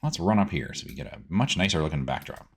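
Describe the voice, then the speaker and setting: In this casual let's-play, a gaming host talks fast in an extremely low, slightly rough voice with lively intonation. He keeps up playful commentary to himself as he plays, full of goofy words and sing-song side remarks.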